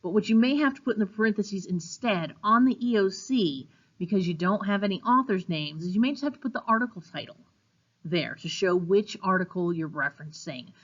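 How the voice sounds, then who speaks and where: A woman English teacher giving a recorded lecture over slides, explaining things clearly with an occasional um. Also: mid-range voice, expressive, a little fast, muffled recording. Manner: clear, instructive, with occasional fillers.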